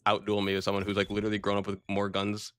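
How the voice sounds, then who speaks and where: A man's voice: fairly low pitch, completely flat delivery, racing, a bit bright. A man streaming a shooter game, chatting casually and laid-back, throwing in "bro" and "dude.". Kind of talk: casual gameplay commentary.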